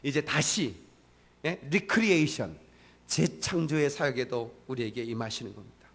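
A man's voice: mid-range voice, lively intonation, normal speed. A male pastor giving a sermon in a church service, preaching in a conversational way and often prompting the congregation.

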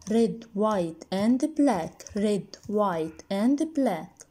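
Slow, patient woman teaching English. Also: medium pitch, expressive, dark tone, breathy edge. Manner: patient, has pupils repeat after her. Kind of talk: slow, repetitive drilling for young pupils. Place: indoors at a laptop desk, voice-over on screen recording.

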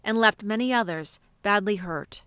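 A woman news reporter reading a measured, grave voice-over. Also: mid-range voice, fairly bright tone, smooth, dry recording.

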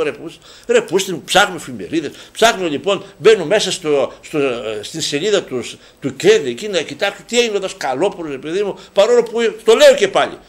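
A man's voice: a little high, a bit bright. A man hosting a local sports show, ranting about football refereeing, indignant and sarcastic, swearing and restarting his sentences. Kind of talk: heated football commentary monologue.

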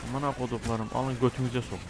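A Turkish-accented man plays a war shooter at home on a desk mic, cursing and yelling battle cries as the fighting heats up. His voice sits at an ordinary male pitch. His commentary is loud, rough and profane. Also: flat delivery, fast talker. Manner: swearing, shouting battle cries at the screen. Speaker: gameplay commentator.

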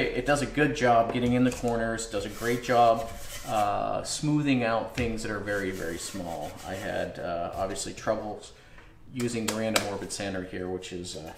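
Chatty man in an echoey garage workshop. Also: lowish voice. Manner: chatty, thinks aloud with many uh fillers. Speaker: woodworking channel host. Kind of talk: casual tool review vlog. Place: home garage workshop, indoors. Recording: echoey garage with loud background noise.

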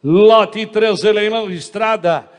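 A man's voice: high-pitched, slow pace, smooth. A Brazilian man working as an auctioneer, calling live car bids in repeated set phrases. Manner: repetitive formulaic bid calling. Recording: long hall reverb.

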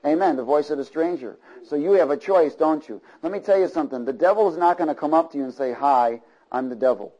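Man, preacher, fairly high voice, rhythmic repeated phrases, church sermon. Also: quick pace, few pauses, mellow, muffled recording. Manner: asks the congregation for call-and-response agreement. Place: church before a congregation.

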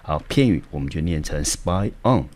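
Very deep-voiced male teacher. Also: lively intonation, quick pace, a little mellow. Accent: Taiwanese Mandarin. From Taiwan. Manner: patient, explains step by step with frequent fillers. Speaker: English teacher. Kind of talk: vocabulary lesson.

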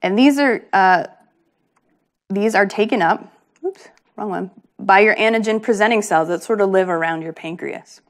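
A woman's voice: mid-range voice, normal speed, pauses often. A woman research scientist giving a patient, plain-spoken public lecture, with frequent ums.

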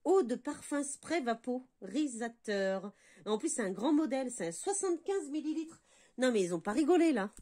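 A woman's voice: high voice, big pitch swings, normal speed, warm tone. A middle-aged woman from France chatting casually as she unboxes beauty products, full of enthusiastic exclamations. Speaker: beauty vlogger.

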